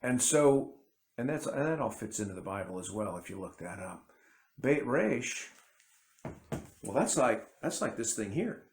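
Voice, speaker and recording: Unhurried and sing-song, a medium-pitched male voice carries through a reverberant room. It belongs to an independent Bible teacher, a first-language English speaker, whose casual commentary to camera rambles and keeps breaking off into fresh starts.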